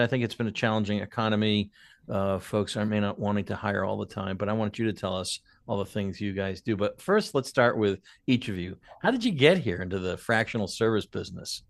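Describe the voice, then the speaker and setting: A middle-aged man with a Boston accent hosts a casual podcast. His voice sits fairly low, and he speaks into a boom microphone in an office. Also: no echo. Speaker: podcast host. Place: indoor office. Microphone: boom studio mic with headset.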